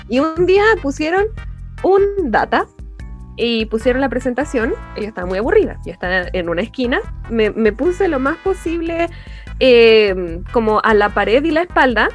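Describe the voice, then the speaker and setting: A young Chilean woman co-hosting a podcast, her voice pitched high and swooping through a very wide range. She tells stories animatedly, laughing often and acting out what people said. Faint music sits under her. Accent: Chilean Spanish. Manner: animated storyteller, laughs often, acts out quotes. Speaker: podcast co-host. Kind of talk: casual chat.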